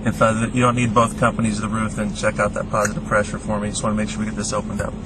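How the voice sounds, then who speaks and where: A man's voice: fairly low pitch, completely flat delivery, racing. A man working as a fire incident commander, giving terse, directive radio orders to crews at an emergency scene. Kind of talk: live firefighter radio dispatching. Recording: very noisy fireground with radio and vehicles.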